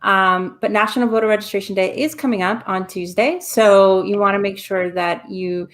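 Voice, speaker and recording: A woman's voice: mid-range voice, steady tone, moderate pace. A woman from El Salvador hosting a casual roundtable chat, upbeat and chatty with plenty of fillers. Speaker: host.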